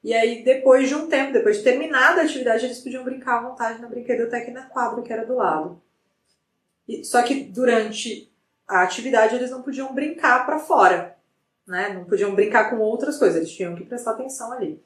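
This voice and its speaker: A middle-aged woman, a psychologist guest, telling a story in a lively way with many restarts. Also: fairly high pitch, a little fast, recorded from a distance. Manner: animated retelling with frequent restarts. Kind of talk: conversational storytelling in an interview. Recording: roomy sound from off the mic.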